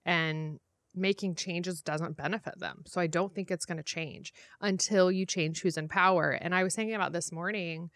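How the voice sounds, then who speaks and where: A woman's voice: on the low side, steady tone, normal speed, fairly bright tone, dry recording. A woman co-hosting a podcast in casual conversation, speaking frankly and thinking aloud with lots of "like"s. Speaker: podcast co-host. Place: home room, windows shut.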